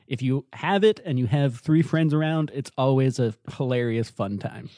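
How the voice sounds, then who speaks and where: A man's voice: mid-range voice, moderate pace, mellow, dry recording, clean studio sound. A man co-hosting a casual podcast, chatting about retro video games with enthusiastic, jokey asides. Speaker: podcast co-host.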